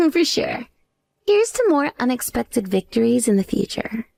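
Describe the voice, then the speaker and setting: A woman's voice: on the high side, sing-song, a little slow, vocal fry, mellow, no echo, heavily acted. A woman playing a grateful, effusive accomplice in a dramatized story of revenge. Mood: grateful, elated. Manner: effusive, modest.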